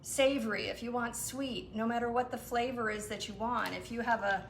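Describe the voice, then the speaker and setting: A woman guest explaining her recipes in a relaxed, casual chat, with lots of fillers. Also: a little high, normal speed. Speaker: guest cook. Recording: echoey room with some noise.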